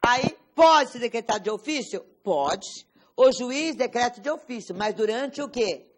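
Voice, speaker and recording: A woman's voice: a little high, lively intonation, a little slow. A Brazilian Portuguese woman teaching a law class, quizzing students with rhetorical questions and stressing key words. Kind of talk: classroom lecture.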